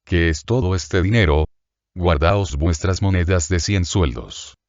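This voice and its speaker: A man's voice: deep voice, unhurried, no echo, muffled recording. A man reading as a sly, sugary innkeeper. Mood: falsely tender. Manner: falsely kind, sentimental, calculating. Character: sly, ingratiating middle-aged male innkeeper.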